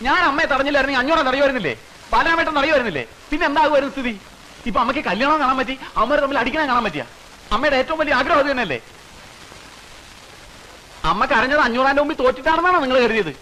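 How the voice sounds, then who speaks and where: An actor playing a quick-witted young man in a comedy film, talking rapidly and persuasively. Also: extremely high pitch, lively intonation, pushed and bright, a little hiss or hum, full character voice, rough recording. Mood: urgent, arguing. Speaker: film character in a comedy scene. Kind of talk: film dialogue.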